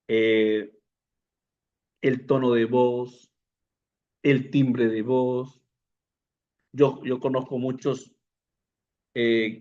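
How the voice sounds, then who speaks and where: A man teaching a public speaking class to pastors, unhurried, often repeating words and putting questions to the listeners. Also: mid-range voice, dull audio. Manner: unhurried, repeats words, fillers, asks the audience. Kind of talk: lecture to pastors.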